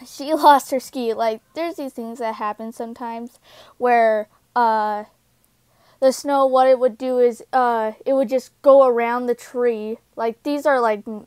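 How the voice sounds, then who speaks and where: Halting young woman telling a story. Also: on the high side, smooth, no room sound. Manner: halting, many fillers and restarts. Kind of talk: casual personal story.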